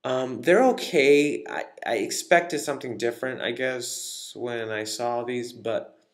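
A man's voice: mid-range voice, unhurried. A man talking casually to his viewers in a vlog, rambling with many fillers and restarts. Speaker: vlogger. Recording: echoey room.

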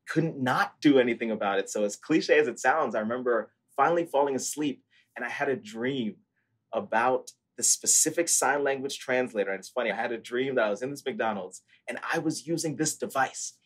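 In an interview conducted by video call from home, a man in his 20s from Brazil earnestly and articulately recounts life as a founder. His medium-pitched voice has a breathy edge and a moderate pace, captured through an earphone headset mic in his living room.

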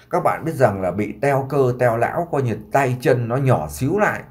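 Emotive male storyteller with a lively voice. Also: medium pitch. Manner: emotive, addresses listeners directly. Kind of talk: dramatic storytelling narration.

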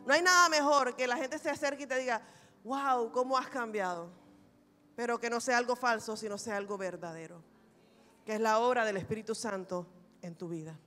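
A woman pastor preaching a sermon, telling a personal testimony in an animated, humorous way. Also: a little high, normal speed, faint music behind. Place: large church hall. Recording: reverberant church hall recording.

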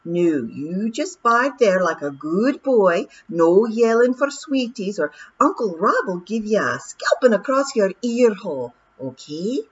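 A woman voicing a bold male pixie chieftain with a gruff Scottish accent and a blustery, commanding manner. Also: medium pitch, big pitch swings, a little slow, hardly any pauses, highs cut off, pitched above the performer's own voice. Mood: bossy.

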